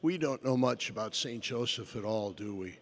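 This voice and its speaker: A man gives a homily in an explanatory, conversational style. His voice is gravelly and rough-edged at a middle pitch, and he punctuates points with rhetorical questions. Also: expressive, normal speed. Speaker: preacher giving a homily. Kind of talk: conversational sermon.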